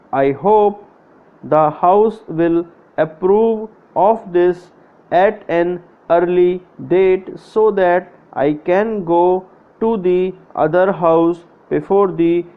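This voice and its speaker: A man dictating a formal speech for shorthand practice, reading in measured, separated phrases. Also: high voice. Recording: narrow, phone-like lo-fi sound.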